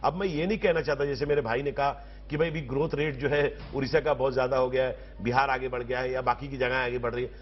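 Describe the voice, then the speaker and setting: A man arguing as a political panelist in a televised debate, speaking forcefully in long rhetorical sentences. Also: medium pitch, steady tone, fast talker, hardly any pauses. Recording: slightly dull TV broadcast audio.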